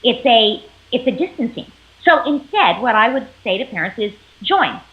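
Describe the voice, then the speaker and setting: A woman psychologist explaining parenting as an interview guest, animated and acting out what parents and children say. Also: a little high, moderate pace. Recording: tinny phone-like line.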